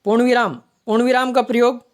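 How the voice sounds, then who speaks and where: A woman's voice: a little high, fairly even intonation, fairly quick. A woman teaching an online exam-prep grammar lesson, explaining step by step and repeating each term as she points it out. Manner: explanatory, repeats terms while pointing them out.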